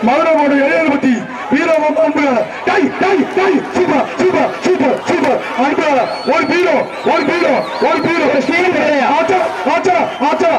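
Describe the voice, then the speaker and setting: A very high-pitched man calls the action through a loudspeaker PA, repeating short excited cries. His voice rings from far away across an open arena, bouncing with heavy echo. A roaring crowd and loud noise fill everything behind him. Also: moderate pace. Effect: booming through a loudspeaker PA. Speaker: event announcer. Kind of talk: live bull-taming event commentary. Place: outdoor arena. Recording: echoey distant PA with a loud crowd.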